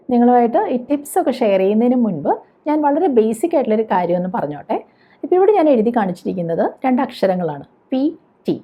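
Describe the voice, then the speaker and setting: A woman's voice: fairly high pitch, dark tone, husky. A woman teaching spoken English, explaining patiently, spelling words out letter by letter and asking the viewer questions. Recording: dull lo-fi recording.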